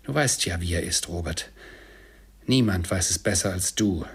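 A man voicing an indignant, sharp-tongued mother of a poor family, speaking with scorn and sarcasm. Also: low voice, normal speed, breathy edge, heavily acted. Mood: indignant, sarcastic.

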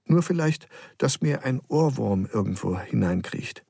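A man's voice: medium pitch, animated, measured pace, vocal fry, dark tone, breathy edge, no room sound, exaggerated voice. A man voicing a bold, playful young girl in a storybook, teasing and matter-of-fact.

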